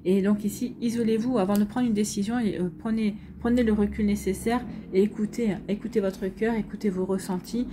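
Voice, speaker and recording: A woman's voice: medium pitch, fairly even intonation, fairly quick, hardly any pauses, background noise. A woman giving a weekly tarot guidance reading, talking straight to viewers in a hesitant way, with many fillers and repeated words. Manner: addresses viewers directly, conversational. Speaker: tarot and astrology reader.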